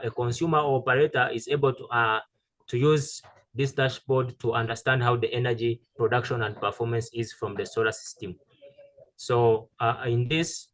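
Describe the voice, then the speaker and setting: A man giving a halting technical presentation over a video call, with many fillers and restarts. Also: medium pitch, fairly bright tone. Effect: heard over a video call. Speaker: presenter pitching a solar tool.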